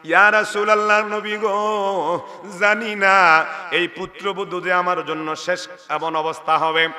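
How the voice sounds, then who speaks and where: Old mother figure, wailing lament, voiced by a man, high voice, hall reverb. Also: flat delivery, a little slow, sharp tone. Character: grieving old mother, sick and cast out. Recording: long reverb of a large venue.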